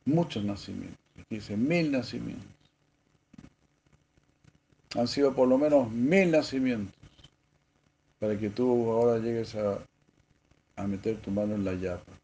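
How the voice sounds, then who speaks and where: A man, a spiritual teacher preaching a sermon, moving from soft asides to emphatic stressed words and clearing his throat often. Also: medium pitch, measured pace, long pauses, lo-fi sound.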